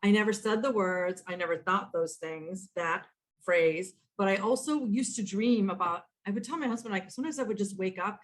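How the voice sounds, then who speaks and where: A woman in her fifties, a podcast guest telling stories in an animated way, often quoting herself and restarting sentences, over a video call. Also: mid-range voice, moderate pace. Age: 50s. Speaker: guest, author and entrepreneur. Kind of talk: conversational storytelling.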